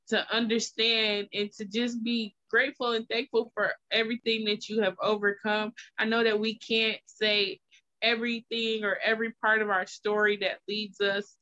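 A woman in her thirties hosts a casual podcast chat and speaks in a reassuring, encouraging way. Her voice is bright and forward. The recording sounds a bit dull and lo-fi. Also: fairly high pitch, steady tone, normal speed. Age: 30s. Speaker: podcast host. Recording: slightly muffled lo-fi audio.

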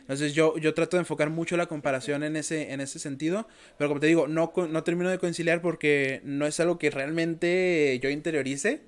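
A man's voice: fairly high pitch, fairly even intonation, fairly quick, few pauses, smooth. A young man hosting a casual interview, a chess teacher who talks at length and explains with examples and many fillers. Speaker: podcast host and chess teacher.

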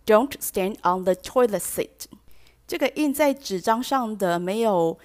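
A woman's voice: medium pitch, expressive, a little slow, darkish tone. A woman hosting a bilingual English lesson who explains patiently and drops English phrases into her talk. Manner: acts out example sentences with shifting stress. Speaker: language teacher host.

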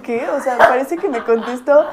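A young woman, a student, telling a story in relaxed, chatty fashion, full of "o sea". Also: fairly high pitch, fairly quick, a loud crowd. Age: young adult. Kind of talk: casual storytelling.

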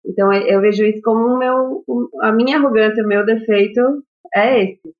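A woman guest on a podcast, talking candidly in a casual chat, with many pauses and fillers. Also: fairly high pitch, fairly even intonation, dull audio.

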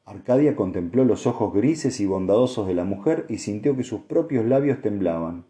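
A man narrating an audiobook in a steady, measured reading. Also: on the low side. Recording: echoey room.

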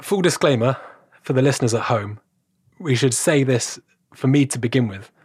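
Male podcast host, eager and chatty, slightly husky tone. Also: medium pitch, lively intonation, normal speed, darkish tone. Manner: enthusiastic, self-described bike tech fanboy. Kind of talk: casual podcast interview.

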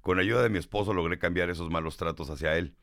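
A middle-aged man with a Mexican Spanish accent co-hosts a radio talk show, reading listener comments aloud and answering them emphatically. He has a deep, slightly bright voice and talks fast.

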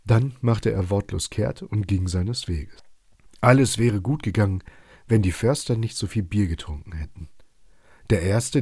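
A man telling a bedtime story in a calm, even storytelling manner, with a husky voice. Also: fairly low pitch, no room sound, clean studio sound.

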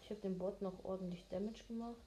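A woman giving casual, low-key, mildly grumbling commentary on her own gameplay. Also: steady tone, fast, dark tone, slight background noise. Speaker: gamer commentating own play.

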